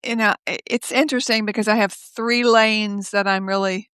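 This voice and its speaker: An older woman speaking as a guest over a video call from her home office, telling stories in a lively way, laughing often and acting out the voices of others. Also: medium pitch, moderate pace, smooth, no room sound. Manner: lively, laughs often, acts out quoted speech. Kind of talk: casual conversational storytelling.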